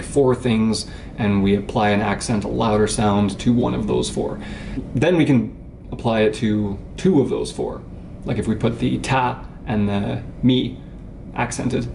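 A man's voice: mid-range voice, mellow. A man teaching drum rhythm, explaining in a casual way and chanting rhythm syllables, recorded inside a parked car. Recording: gravelly voice, faint road hum.

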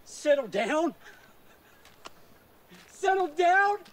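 A frantic, high-voiced young hiker. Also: male voice, big pitch swings, moderate pace. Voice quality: swearing, agitated and shouting. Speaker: panicked hiker. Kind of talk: film acting. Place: woods outdoors.

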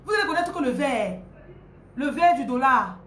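Animated Cameroonian woman coaching about money. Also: sits high, normal speed, echoey room. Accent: Cameroonian French. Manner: animated, repetitive, playful. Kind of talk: motivational talk with acted-out scenes.

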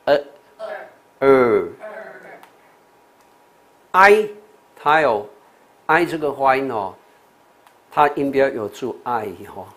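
A man's voice: medium pitch, fairly bright tone. An older man with a Taiwanese accent, a monk teaching English pronunciation in a TV lecture, repeating sounds and words with many "oh" and "ha" fillers. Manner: slow, repetitive drilling with fillers like "oh" and "ha".

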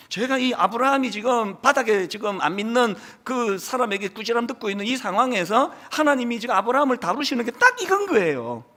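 Middle-aged guy preaching a sermon, high voice all over the place, storytelling, goes loud then soft. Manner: storytelling, swings between loud and hushed. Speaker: pastor. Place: church sanctuary.

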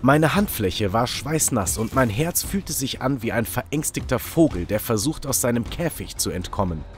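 A man reading a first-person story as scripted narration with an animated, expressive delivery. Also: medium pitch, moderate pace, soft background music.

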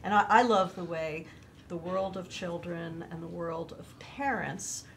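An older woman in her sixties hosts a studio poetry talk in a slow, unhurried manner. Her voice carries a gravelly fry, and her tone is scholarly and enthusiastic. Faint ambient noise hums underneath her. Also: lowish voice. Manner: enthusiastic and scholarly, laughs often. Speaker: host of a poetry discussion show. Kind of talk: conversational literary discussion. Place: studio set, indoors.

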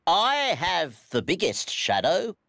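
A woman voicing a patient grown-up teacher in a cartoon, explaining things calmly to small children. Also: fairly low pitch, slow pace, vocal fry, dry recording, full character voice.

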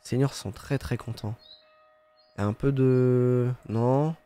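A man's voice: medium pitch, fairly even intonation, unhurried, warm tone, smooth. A young man giving casual, joking commentary as he plays a game, sarcastic, swearing freely and humming little sound effects. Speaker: gaming streamer. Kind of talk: casual let's-play commentary.

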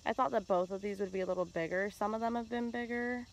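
A woman casually narrating a tour of her outdoor garden while filming on a phone, relaxed and chatty with lots of ums. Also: mid-range voice, fast. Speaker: home gardener vlogger. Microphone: handheld phone camera.

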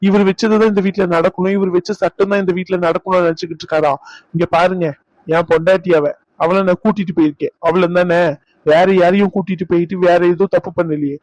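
A man's voice: high voice, steady tone, quick pace, darkish tone, no room sound, close to an everyday voice, low-quality recording. A man voicing a defiant young doctor son. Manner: defiant, exasperated. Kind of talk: cartoon dub acting.

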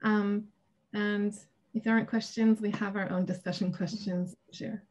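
This academic, a woman in her thirties, talks through her research and answers Q&A over a video call in a relaxed way, pausing and laughing at times. Her mid-range, slightly mellow voice is delivered flatly at normal speed, captured by a webcam in a small shelved room at home.

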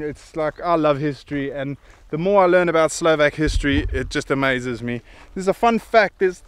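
A middle-aged man talks to a handheld phone while walking outdoors. His voice sits a little high and sounds smooth and clear. He chats in an eager, rambling way. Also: no echo. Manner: chatty, rambling, enthusiastic. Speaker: vlogger. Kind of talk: casual walking vlog. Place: outdoors on a hillside.

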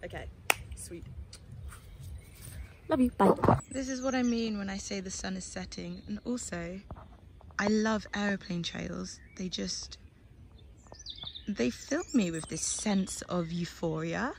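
A woman's voice: mid-range voice, takes it slowly, creaky, pauses often, slight background noise, poor audio. A young woman chatting casually to her phone camera as a vlogger, upbeat and poking fun at herself. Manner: chatty, upbeat, self-mocking. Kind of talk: casual vlog chat. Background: background music.

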